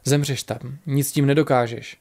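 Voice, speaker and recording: A loyal male archer in a fantasy storybook speaks with sad, steady calm, as a man reads him. His voice sits at an ordinary middle pitch. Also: gravelly.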